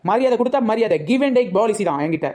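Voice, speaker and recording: A woman playing a brash roadside plant seller in a village comedy skit, talking in quick, bold village speech. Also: fairly high pitch, animated, noisy background.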